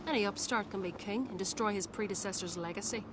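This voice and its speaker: A woman's voice: mid-range voice, fast, noisy background, natural voice. An actress playing a mature, ambitious widowed queen in a video game, speaking in a formal, imperious way. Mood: stern, ambitious.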